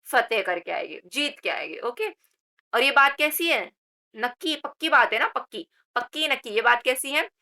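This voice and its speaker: A woman's voice: high-pitched, bright, forceful tone. A woman teaching general knowledge for government exams, repeating key words and asking rhetorical questions, mixing English words into Hindi. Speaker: exam coaching teacher. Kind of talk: Hindi general knowledge lesson with memory tricks.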